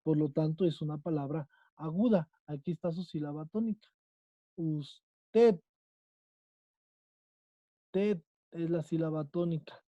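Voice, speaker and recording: A man's voice: a little high, brisk, mellow, no echo, dull audio. A man with a Mexican accent, teaching a Spanish class and quizzing his students, checking in with them again and again. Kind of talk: online class lesson.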